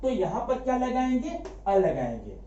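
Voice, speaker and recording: A man teaching a grammar lesson, asking quick rhetorical questions, answering them himself and repeating key words for emphasis. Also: high-pitched, huge pitch swings, mellow. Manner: addresses students familiarly as brother. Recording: echoey room, dull lo-fi sound.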